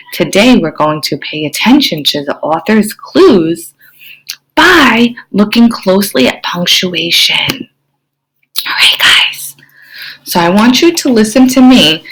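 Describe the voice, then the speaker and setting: A woman teacher giving an expressive online reading lesson to young children, often asking them questions. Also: a little high, poor audio. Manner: expressive, explains with gasps and questions to kids.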